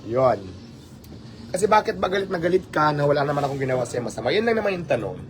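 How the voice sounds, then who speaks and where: A man hosts a casual livestream, his voice a little higher than most men's. He talks in a lively, rhetorical way, firing questions at his audience and slipping into English. Faint ambient noise sits under his voice. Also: fast talker. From Philippines. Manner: animated, rhetorical, mixing in English. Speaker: livestream host.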